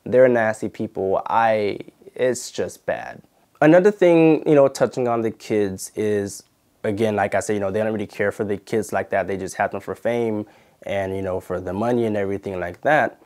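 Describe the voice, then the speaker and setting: A man's voice: lowish voice, normal speed, a little mellow. A young man telling a story to camera in a casual, indignant way, full of "like" and "you know". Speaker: channel host and former videographer.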